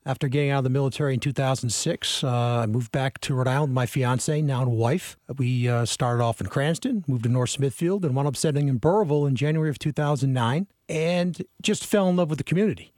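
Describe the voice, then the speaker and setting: A man in his forties from Massachusetts, a state representative answering questions on a radio panel in a plainspoken, measured way. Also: mid-range voice, darkish tone, no echo, clean studio sound.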